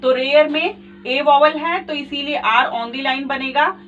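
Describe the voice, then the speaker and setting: A woman's voice: sits high, slow pace, a bit bright. A woman teaching a shorthand lesson step by step, patient and repetitive, calling her viewers friends. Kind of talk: step-by-step tutorial explanation. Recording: distant, dull lo-fi mic with faint noise.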